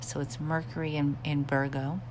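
A woman's voice: low-pitched, normal speed, over music, poor audio. A woman podcast host chatting casually in a hesitant, confiding way, recorded in a small bathroom at home with a fan running. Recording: bathroom with steady fan hum. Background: humming bathroom fan.

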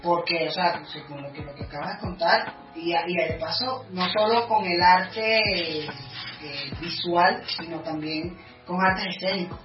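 A man co-hosts a casual talk, halting and repeating his words as he finds them. He is heard far from the mic in an echoing room. The sound is dull and lo-fi, with music underneath. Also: high voice. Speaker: co-host. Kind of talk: casual chat.

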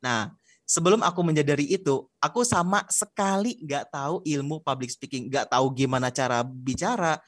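A man's voice: a little high, normal speed, a bit bright, no echo, studio quality. A young man, a public speaking trainer, explaining things in a casual podcast interview with slangy fillers.

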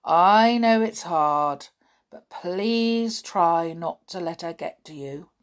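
A woman voicing a kindly old male hospital porter who talks slowly and formally with a slur. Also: sits high, clean tone. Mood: earnest. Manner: slurred, slow and formal.

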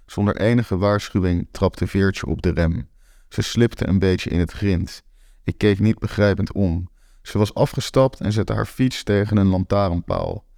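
A man narrating a first-person story in a blunt, matter-of-fact way. His voice sits very low, with a gravelly rasp, and the recording is close and dry with no room sound. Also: dark tone, no room sound.

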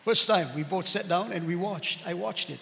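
A male pastor preaching a sermon, emphatic, with sudden loud outbursts and asides to the congregation. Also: sits high, normal speed, gravelly, a little hiss or hum. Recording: long hall reverb.

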